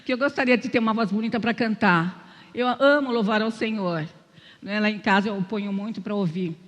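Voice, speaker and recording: A mid-range voice at a moderate pace fills a large hall as an older woman, a lay speaker with a Brazilian Portuguese accent, talks through a chatty sermon in a church sanctuary. She mixes personal stories with self-deprecating humor and often pauses to check in with her audience.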